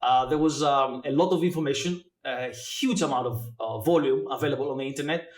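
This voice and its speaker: Greek-born man, hesitant, echoey room. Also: mid-range voice. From Greece. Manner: thoughtful, many filler pauses. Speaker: guest, blockchain educator. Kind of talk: interview answers.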